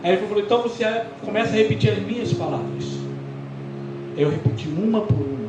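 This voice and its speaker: Man from Brazil, pastor, high voice, animated testimony sermon, echoey church, music behind. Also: fast talker. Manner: animated storytelling, acting out quoted dialogue.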